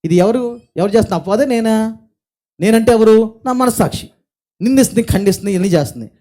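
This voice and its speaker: A male pastor preaching a sermon with emphasis, repeating his phrases and swinging between quiet stretches and forceful ones. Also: high-pitched, fast talker.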